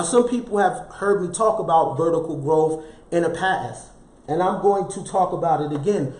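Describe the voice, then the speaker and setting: A motivational speaker gives a self-help talk in a slightly raised voice, preaching through rhetorical questions and repeated key phrases with casual slang asides. His voice is high and a little mellow, and the sound is roomy and echoey.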